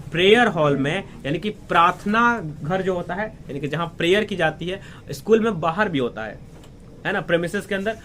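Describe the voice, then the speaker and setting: A man teaches a story line by line. His voice sits a little high for a man, and he keeps stopping to put questions to his students. A faint hiss runs under the recording. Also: a bit bright. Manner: explains slowly, asks questions and answers them himself. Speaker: English teacher. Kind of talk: line-by-line lesson explanation.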